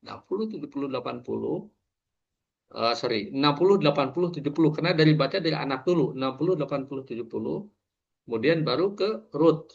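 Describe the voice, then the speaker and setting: A man's voice: a little high, vocal fry, muffled recording. A man, lecturing an online class over a video call, walking through each step with many fillers and asides.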